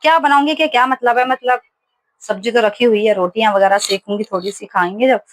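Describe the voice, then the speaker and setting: A woman in her thirties chats casually for her home vlog from her kitchen. Her voice sits a little high and sounds close and dry, and she rambles through stories with plenty of fillers. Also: fairly even intonation, brisk, dry recording. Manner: chatty storytelling with many fillers. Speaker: vlogger.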